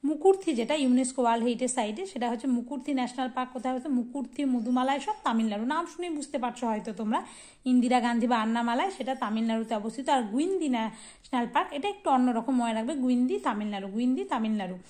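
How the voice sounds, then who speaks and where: A young woman teaching a casual exam-prep lesson. She poses questions and answers them herself, and tosses in memory tricks. Her voice sits fairly high. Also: fast, a little mellow. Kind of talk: informal geography lesson over a map.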